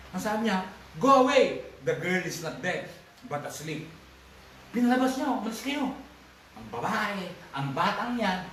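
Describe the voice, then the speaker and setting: A man preaching a sermon as pastor, mixing Tagalog with English, swinging between loud emphatic bursts and low asides. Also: slight background noise. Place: church hall. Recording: echoey church livestream, distant mic.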